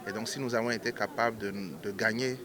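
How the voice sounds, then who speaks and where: A man's voice: lowish voice, steady tone, fast. A man, an official, gives a press statement outdoors at an airport arrival, hesitant with many fillers. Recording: outdoor interview with crowd noise. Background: cheering crowd.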